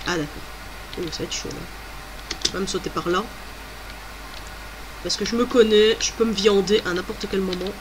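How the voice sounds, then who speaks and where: A woman's voice: medium pitch, steady tone, a little fast, pauses often, noisy background. A woman doing let's play commentary, chatty and exclamatory, thinking aloud as she plays. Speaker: gamer.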